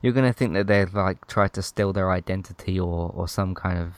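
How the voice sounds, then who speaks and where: A man's voice: sits low, a little fast, no room sound. A man in casual chat reviewing a TV series, rambling a little and restarting his sentences. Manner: rambling, restarts often, chuckles between points. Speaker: podcast co-host.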